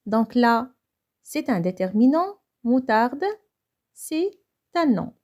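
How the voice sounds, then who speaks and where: Young Moroccan woman, teacher; patient lesson delivery with a mellow tone. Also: on the high side, lively intonation. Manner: explains slowly, then repeats each point in Moroccan Arabic. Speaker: French teacher. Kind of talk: bilingual grammar lesson.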